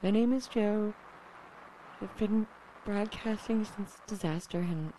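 A woman's voice: medium pitch, takes it slowly, dark tone, slight background noise, natural voice, low-quality recording. A woman playing a lonely, wry lone survivor. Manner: rambling, self-deprecating, swears when flustered. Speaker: lone radio broadcaster. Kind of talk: audio drama monologue.

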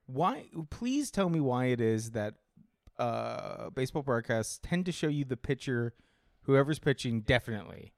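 Animated man joking on a podcast. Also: mid-range voice, normal speed, no echo, studio quality. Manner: joking, animated, laughs often. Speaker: podcast co-host. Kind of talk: casual chat while watching a game.

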